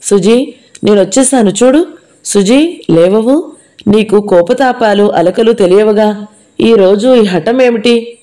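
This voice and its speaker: A woman's voice: medium pitch, slow pace, long pauses, mellow, natural voice. A woman reading an audio novel, voicing a grief-stricken young man who pleads and accuses in a raised, strained voice. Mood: anguished.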